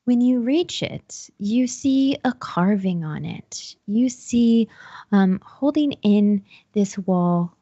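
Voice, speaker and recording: A woman's voice: mid-range voice, expressive, takes it slowly, dark tone, no echo, dull audio. A woman running a tabletop horror game as game master, describing scenes with frequent ums and restarts.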